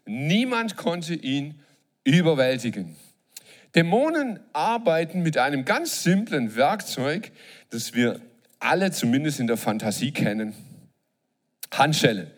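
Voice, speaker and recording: A man's voice: on the high side, measured pace. A man preaching a sermon to a live congregation, joking and asking the audience questions. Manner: lively, jokes and asks the audience questions.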